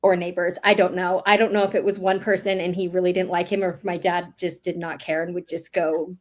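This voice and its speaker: A woman in her thirties with a lowish, level, brisk voice hosts a casual chat. She tells family stories like a chatty storyteller, packing in lots of "like" fillers.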